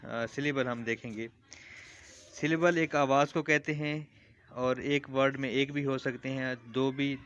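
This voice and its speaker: A man's voice: medium pitch, a bit bright, slight background noise. A man, explaining a lesson as a teacher, patient and repeating examples.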